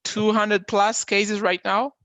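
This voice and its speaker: Halting man hosting a video call. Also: high voice, flat delivery, bright, forceful tone, no echo. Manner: halting, repeats words, chuckles. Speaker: meeting host. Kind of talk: casual video-call chat.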